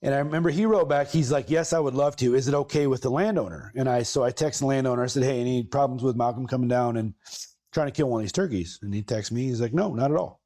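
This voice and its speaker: A man tells a long story on his podcast, mid-pitched and casual. He rambles, backs up to correct himself, and leans into bursts of emphasis. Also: fast, warm tone. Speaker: podcast host.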